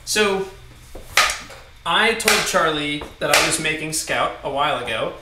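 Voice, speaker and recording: A young man with a slightly high voice chats loosely while cooking, reading out viewer messages between laughs. He sits back from the mic in an echoey kitchen, under loud background noise. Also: measured pace, far from the mic. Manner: relaxed, laughing, reads viewer messages aloud. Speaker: host. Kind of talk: casual livestream chat. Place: home kitchen, indoors. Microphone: far camera.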